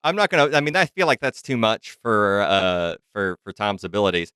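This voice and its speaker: A man's voice: fairly low pitch, brisk, bright, forceful tone, smooth, dry recording, studio quality. A man playing a tabletop game, chatty and often correcting himself. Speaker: player.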